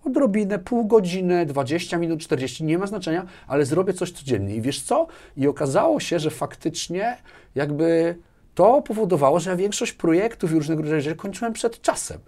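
A business manager appears as a casual interview guest, seated with a lapel mic in a small furnished indoor studio. His voice is on the high side, animated, a little fast and darkish in tone, and he often repeats words and adds short tag questions.

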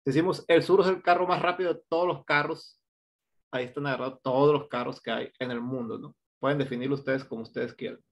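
A man with a Mexican Spanish accent teaches an online English grammar class, talking fast in a steady, mid-range voice with vocal fry. He explains step by step and keeps checking in with "¿no?".

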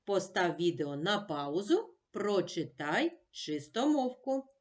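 A woman teacher giving a children's speech lesson, talking slowly with clear, deliberate diction. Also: medium pitch, big pitch swings. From Ukraine.

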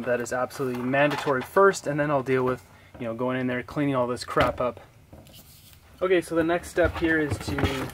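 A man's voice: fairly high pitch, fairly bright tone, slight background noise. A young man casually explaining a home repair in a loose vlog, with many fillers and restarts, filmed on a handheld camera at arm's length in a house basement. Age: young adult. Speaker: DIY home repair vlogger. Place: house basement and outdoor stairwell.

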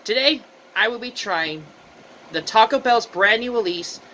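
A man reviewing fast food for his channel, talking with his mouth full and rambling as he restarts his sentences. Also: sits high, animated, sharp tone, a little hiss or hum, low-quality recording. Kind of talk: casual food review vlog.

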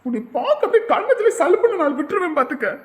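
A woman's voice: extremely high pitch, sing-song, rapid-fire. A woman voicing an anxious, doting young village husband in a cartoon who argues with his mother. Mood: worried. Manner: exasperated, fussing, pleading. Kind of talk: cartoon voice acting.

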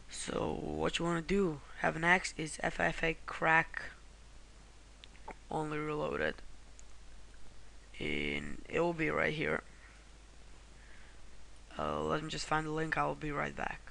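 A man from Croatia, a slightly high voice that is gravelly and sharp, hosts a rambling screen-recorded tutorial walkthrough. He frequently corrects himself and apologizes, and a faint hiss or hum can be heard.

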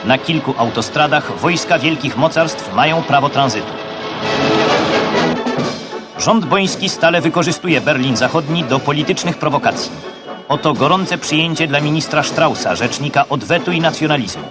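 A man narrating an old newsreel in a formal, measured, official tone. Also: a little high, expressive. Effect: old newsreel soundtrack. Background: loud music.

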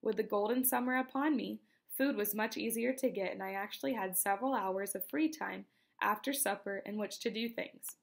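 A woman reading a novel aloud in a steady, unhurried storytelling manner. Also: mid-range voice, vocal fry. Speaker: reader.

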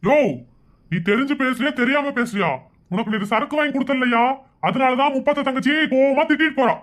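A man voicing a sentimental married man in an animated comedy who laments his own betrayal in a mournful, melodramatic way. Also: very high-pitched, fairly quick. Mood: lamenting.

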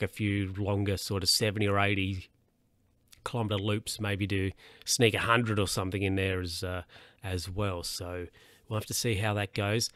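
A man's voice: lowish voice, fairly bright tone, no room sound, clean studio sound. An Australian man hosting his own podcast, rambling casually with lots of fillers and restarts, a little tired. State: yawning, a bit tired. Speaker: podcast host. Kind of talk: casual solo podcast monologue.

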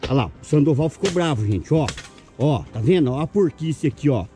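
A man with a Brazilian accent talks excitedly to his followers on camera, coaxing and calling out over and over. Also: fairly high pitch, fairly quick, soft background music. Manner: coaxing, repetitive, calls out often. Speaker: vlogger.

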